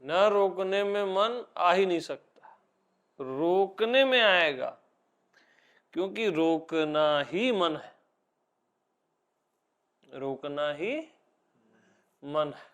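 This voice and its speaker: A man leading a satsang, talking slowly, repeating short teachings and asking his listeners to answer. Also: high-pitched, animated, fairly bright tone. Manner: slow, repeating, questioning listeners. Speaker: spiritual teacher.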